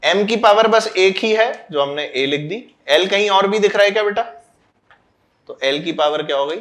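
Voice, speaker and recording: Man, high voice, physics teacher, quizzes the class, loud and urging. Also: moderate pace. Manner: addresses students as beta, quizzes them, mixes English terms. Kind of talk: classroom lecture.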